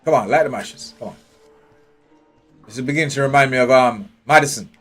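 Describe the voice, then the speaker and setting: A man's voice: medium pitch, fairly quick, fairly bright tone. A man streaming a game live, thinking aloud in a blunt, profane way and nitpicking every detail. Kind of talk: live gameplay commentary. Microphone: headphones with a desk mic. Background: faint game music.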